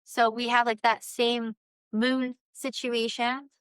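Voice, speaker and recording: A woman chats informally as a vlog host, rambling along with animated energy. Her voice sits fairly high and is very bright and smooth. The sound is dry and close, without room echo. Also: slow. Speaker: host, self-published author. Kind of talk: casual solo vlog chat.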